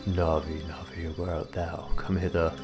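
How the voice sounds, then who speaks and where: A man reading aloud as an ancient guardian tree spirit, slow, solemn and old-fashioned. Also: deep voice, flat delivery, over loud music, lightly acted. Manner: slow, archaic, grave.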